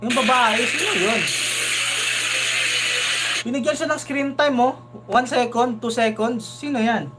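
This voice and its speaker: Chatty high-voiced man reacting. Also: measured pace, long pauses, heavy background noise. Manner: animated, chatty, often asks "di ba?". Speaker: reaction video host. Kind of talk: casual live reaction commentary.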